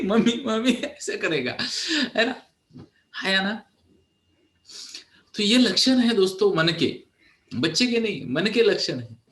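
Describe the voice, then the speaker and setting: A man counselling an audience in a motivational talk, conversational and animated, often checking in with his listeners. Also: on the high side, echoey room. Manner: conversational, animated, asks "है ना?" often, mixes in English.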